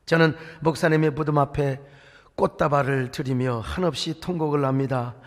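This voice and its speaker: A man's voice: fairly high pitch, steady tone, normal speed. A male pastor preaching a sermon, telling stories with emotion and breaking into song now and then. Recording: echoey church hall, faint music.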